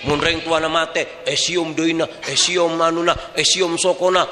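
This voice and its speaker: A man with a Madurese accent preaching a lively sermon to a women's gathering. He talks emphatically and keeps asking the crowd rhetorical questions. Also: on the high side, a little slow. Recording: echoey reverberant hall.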